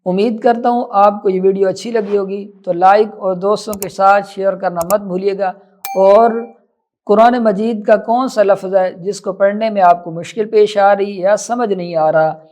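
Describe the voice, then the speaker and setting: A man with a notably high-pitched voice gives a tajweed lesson in a measured, instructive way. He explains points briskly, then slows right down to draw out each recited word. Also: steady tone, a little mellow. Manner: switches between brisk explanation and slow, drawn-out recited words. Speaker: Quran recitation teacher.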